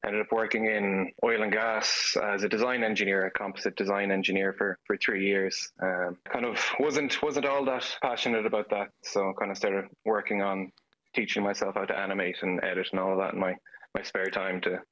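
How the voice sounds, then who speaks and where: A man's voice: lowish voice, fairly even intonation, a little fast, fairly bright tone, dull audio. A man in his thirties from Galway with a west of Ireland accent, talking casually as an interview guest. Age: 30s. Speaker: interview guest, YouTube creator.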